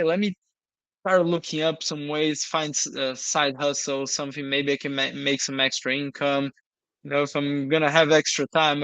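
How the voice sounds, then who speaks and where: Young male interview guest, earnest, smooth and resonant, dry close sound. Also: a little high, fairly bright tone, no room sound, low-quality recording. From Brazil. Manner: earnest, frequent "you know". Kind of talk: casual interview talk.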